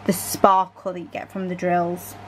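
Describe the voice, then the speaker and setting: A woman's voice: lowish voice, completely flat delivery, moderate pace, a little hiss or hum, low-quality recording. A British woman chatting casually about her diamond painting hobby as she works, rambling freely and correcting herself mid-thought with little asides. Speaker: crafting vlogger.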